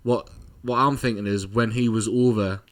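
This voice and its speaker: A young man, co-hosting a podcast in relaxed, rambling chat with lots of fillers. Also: lowish voice, normal speed. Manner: laid-back, rambling with fillers, laughs often. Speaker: podcast co-host. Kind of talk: casual chat.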